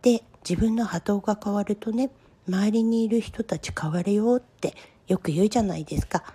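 A woman in her fifties hosting a solo podcast, talking about her own life in a gentle, confiding, reflective way. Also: mid-range voice, moderate pace, a little hiss or hum. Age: 50s. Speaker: podcast host. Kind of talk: solo personal podcast talk.

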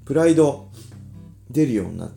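A man in his forties from Ibaraki, Japan, hosting a casual solo podcast in a relaxed, chatty way with lots of filler asides. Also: mid-range voice, brisk, creaky, soft background music. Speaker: podcast host, former pro fighter.

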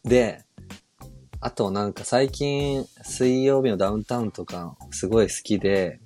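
Low-voiced man telling a rambling story. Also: a little slow, warm tone, soft background music. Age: around 30. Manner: rambling storyteller, many fillers and trailing quotes. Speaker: podcast co-host. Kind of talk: casual chat.

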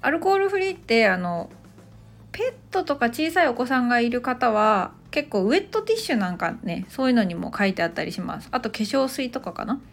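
Lively-voiced woman teaching English casually. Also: on the high side, creaky, faint music behind. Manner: chatty, explains slowly with many fillers. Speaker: English teacher and podcast host. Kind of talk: casual spoken English lesson.

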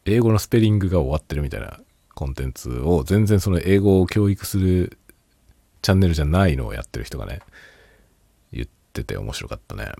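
A man's voice: sits low, animated, a little fast, gravelly, dark tone, no room sound. A man hosting a casual solo talk show, rambling and laughing a lot while tipsy. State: drunk. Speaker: podcast host.

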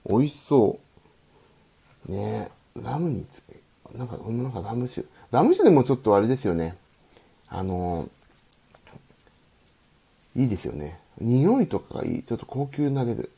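A man's voice: mid-range voice, sing-song, unhurried, creaky, pauses often, dark tone, slightly rough. A man hosting a late-night solo live radio stream, rambling and chatty, reading listener comments aloud and answering them.

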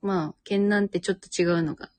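A woman's voice: medium pitch, fairly even intonation, fast, a little mellow, dry recording. A woman in her twenties with a Miyazaki dialect, co-hosting a casual chat podcast, talking freely and laughing often. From Miyazaki, Japan. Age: 20s. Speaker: podcast co-host.

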